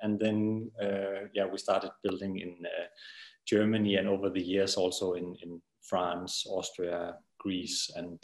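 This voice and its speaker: A man's voice: lowish voice, gravelly, darkish tone, reverberant. A man from Denmark with a Danish accent, speaking as an architect guest in an interview, hesitant with many fillers and repeated words. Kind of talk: interview conversation.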